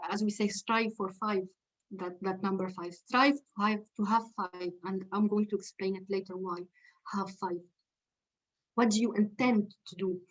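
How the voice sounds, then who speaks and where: A woman's voice: medium pitch, highs cut off. A woman leadership coach giving a lecture, explaining step by step and repeating her key questions for emphasis. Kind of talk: webinar lecture.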